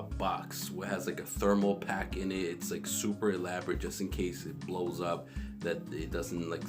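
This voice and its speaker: A man vlogging about tech in a rambling, casual way, recorded on a phone in a small echoey bathroom. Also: low voice. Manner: rambling, many restarts and fillers. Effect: echoey bathroom sound. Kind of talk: casual tech talk to camera. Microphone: phone camera. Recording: echoey bathroom with background guitar music.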